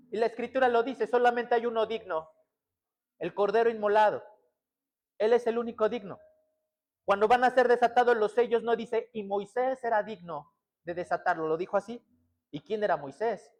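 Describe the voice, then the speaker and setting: A man preaching a sermon as pastor. He puts questions to the congregation and moves between urgent, stressed passages and hushed, intimate ones. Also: sits high. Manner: emphatic preaching with many rhetorical questions to the congregation.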